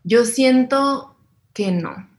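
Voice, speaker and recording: A young woman with a Mexican accent, speaking as a guest in a casual interview. She tells stories with animation, acting out the voices of the people she quotes and laughing along the way. Her voice sits fairly high. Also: drawn-out words. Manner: animated storyteller, acts out quotes, laughs often. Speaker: interview guest, content creator.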